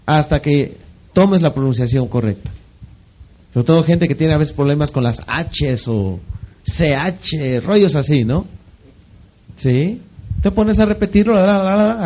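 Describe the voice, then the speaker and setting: Guy with a high voice doing a motivational sales training talk, keeps asking "what?" and answering himself, kinda muffled recording. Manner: asks rhetorical questions and answers them himself; repeats phrases for emphasis. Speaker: network marketing trainer. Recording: slightly dull lo-fi recording.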